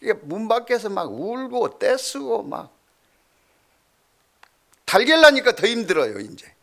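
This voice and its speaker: A middle-aged male pastor preaching a sermon, telling stories with swings from loud to hushed. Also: sits high, sing-song, a little slow, vocal fry.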